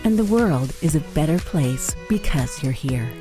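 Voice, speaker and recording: Low-voiced woman podcast host. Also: expressive, moderate pace, over music. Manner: warm, affirming, frequent small laughs. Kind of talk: podcast interview and outro.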